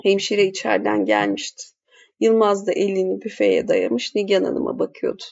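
A woman narrating a literary audiobook in a measured, even way. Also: mid-range voice, vocal fry. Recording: dull lo-fi audiobook recording.

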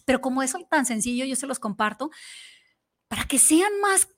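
A woman with a Mexican accent, co-hosting and telling a personal story in casual chat, animated and slangy. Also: sits high, normal speed. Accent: Mexican Spanish. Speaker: co-host.

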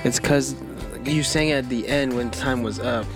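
A woman's voice: a bass voice, unhurried, over music. A woman in casual chat during a lyrics guessing game, teasing, laughing often and correcting firmly.

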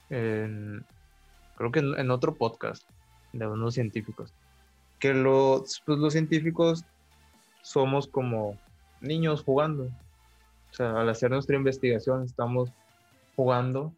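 A man's voice: medium pitch, moderate pace, pauses often, a little mellow, no room sound, highs cut off, faint music behind. A man in casual podcast talk, thoughtful and full of filler words. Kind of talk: casual conversation.

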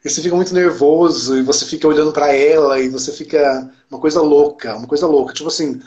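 Excited Brazilian man telling a story. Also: a little high, quick pace, highs cut off. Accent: Brazilian Portuguese. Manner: excited, emphatic storytelling with quoted dialogue. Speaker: podcast guest. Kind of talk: casual chat.

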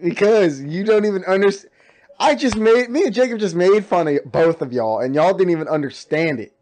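A man's voice: sits high, lively intonation, moderate pace, darkish tone. Crude, teasing young man. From Texas. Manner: crude, profane teasing banter. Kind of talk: casual group chat.

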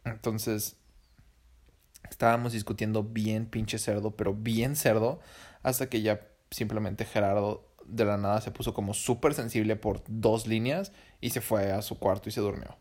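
Man, Mexican accent, young adult, somewhat low voice, casual storytelling, profane slang, rambling. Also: fairly even intonation, normal speed, a little mellow.

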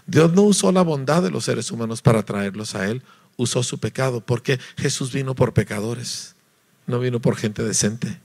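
A man from Mexico, preaching a lively sermon, acting out voices and asking his listeners to agree. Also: medium pitch, moderate pace, gravelly. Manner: animated, acts out voices, sings notes, asks listeners "¿verdad?".

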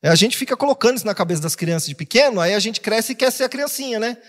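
A Brazilian man preaching a sermon as pastor, animated, acting out quoted voices with jokes along the way. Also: sits high, very fast. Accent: Brazilian Portuguese. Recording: long hall reverb.

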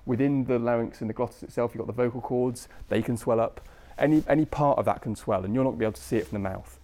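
Speaking quickly in a mellow, mid-range tone, this British man is an anaesthesia registrar lecturing on medicine. The session is informal, and he keeps it conversational with colloquial asides and tag questions.

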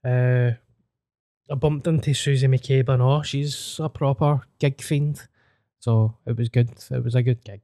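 A man's voice: mid-range voice, steady tone, unhurried, mellow, no room sound, studio quality. A man with a Glasgow street accent, chatting casually with plenty of slang and swearing. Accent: Glaswegian. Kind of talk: casual chat.

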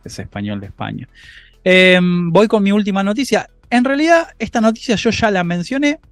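A man with an Argentine accent co-hosting a casual tech podcast, animated, his voice jumping up when excited. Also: high voice, moderate pace, faint music behind. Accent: Argentine Spanish. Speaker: podcast co-host.

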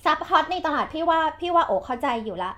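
A woman hosting a podcast chat, giving blunt, lively advice with frequent laughter and slangy speech. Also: high voice, quick pace, lo-fi sound. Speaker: podcast host and real estate agent.

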